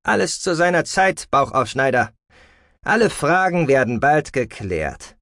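A man's voice: a little high, animated, a little slow, a bit bright, no echo, clean studio sound, pitched above the performer's own voice. A man voicing a young, stern alien fleet commander who speaks curtly, in a German audiobook. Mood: cool. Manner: curt and commanding.

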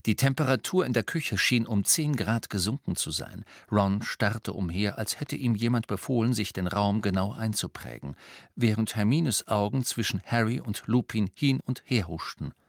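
Male audiobook narrator, low and calm, dry studio sound. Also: moderate pace, gravelly, no echo. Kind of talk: scripted narration.

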